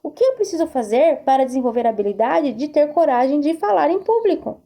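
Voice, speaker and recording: A woman therapist with a high, warm voice, lively intonation and a slightly fast pace gives an earnest self-help talk in a recorded video to camera. She repeats herself and asks rhetorical questions.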